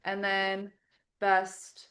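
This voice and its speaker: A woman leading a live webinar as a software trainer, explaining each step in a friendly, practical, instructional way. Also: mid-range voice, monotone, very slow. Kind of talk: live webinar screen-share tutorial.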